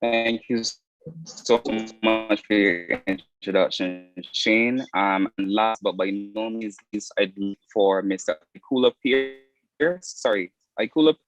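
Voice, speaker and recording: A man with a lowish voice hosts a panel discussion as moderator. The sound is dry and a little dull, like an online call. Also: fairly even intonation, slow, dry recording, soft background music.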